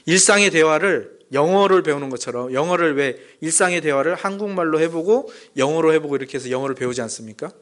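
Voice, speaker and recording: Korean pastor preaching, high voice. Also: male voice, fast talker, few pauses, a bit bright. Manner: addresses the congregation directly with questions; acts out dialect jokes and quoted lines with rising pitch. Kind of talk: sermon. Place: church.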